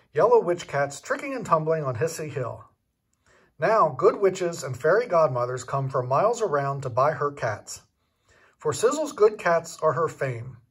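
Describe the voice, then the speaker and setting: An older man performs a children's story with great animation, in the manner of a grandfather at storytime. His voice is husky and rather high for a man.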